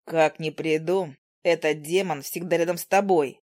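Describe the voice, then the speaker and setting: A woman's voice: sits low, fairly even intonation, moderate pace, darkish tone, no room sound, clean studio sound, voice pushed down, lightly acted. A woman voicing a jealous, hot-headed young man who jeers sarcastically. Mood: sarcastic. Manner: sarcastic, jeering.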